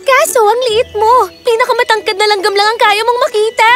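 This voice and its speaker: A woman voicing a boastful, cheerful tall noble girl of fourteen with a teasing, giggly manner in a storybook cartoon. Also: very high-pitched. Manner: teasing, giggly, drawn-out delivery.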